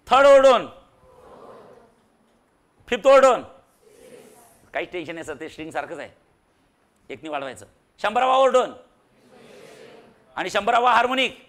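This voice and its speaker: A man's voice: high voice, a bit bright. A man teaching a physics class in a classroom, quizzing and teasing his students with jokes. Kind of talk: classroom lecture.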